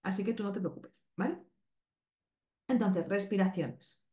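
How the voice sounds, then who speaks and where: A woman's voice: mid-range voice, a little slow, dark tone. A woman with a Spanish accent from Spain, teaching a podcast lesson in an explanatory way and checking in with listeners often. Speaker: animal communication teacher. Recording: roomy echo.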